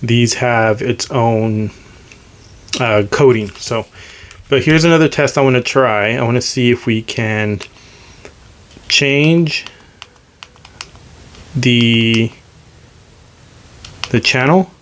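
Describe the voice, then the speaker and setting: A host shows off radio gear in a casual, hands-on demo, his medium-pitched voice a bit bright. He goes slowly and pauses often, sounding hesitant, unscripted and self-deprecating.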